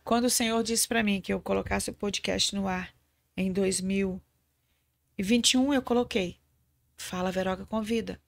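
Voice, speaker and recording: Host role: an earnest woman giving an emotional faith testimony, mid-pitched voice. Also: fairly even intonation, moderate pace, vocal fry. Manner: earnest, speaks of God speaking to her. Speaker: podcast host.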